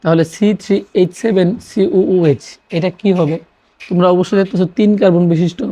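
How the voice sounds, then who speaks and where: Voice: mid-range voice, steady tone, brisk, warm tone. A teacher from Bangladesh gives a classroom lecture, repeating key terms and posing questions that they answer themselves. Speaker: chemistry teacher. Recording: dull lo-fi recording.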